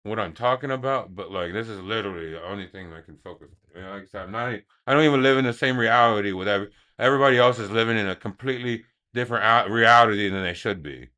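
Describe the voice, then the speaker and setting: A man rambling like a stoner in a casual livestream chat, halting and repeating himself as he goes. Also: fairly low pitch, sharp tone. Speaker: livestream host. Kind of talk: casual rambling open chat on a smoke session stream.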